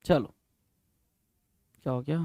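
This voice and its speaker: A male teacher leading an exam-prep vocabulary lesson. He reads English definitions slowly, explains them in quick Hindi, spells each word letter by letter and repeats the answers. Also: warm tone, dry recording. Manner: spells words letter by letter, repeats answers, calls students bhai.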